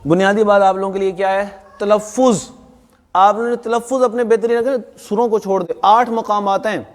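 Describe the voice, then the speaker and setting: A man's voice: high-pitched, fairly even intonation. A man teaching a Quran recitation class to students, firm and emphatic, often putting questions to the class. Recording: long hall reverb.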